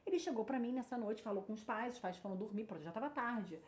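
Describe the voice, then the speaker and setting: Fast-talking woman telling a story. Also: a little high. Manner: animated, quotes people in lively voices. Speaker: guest. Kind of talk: storytelling in casual chat. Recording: echoey room with faint noise.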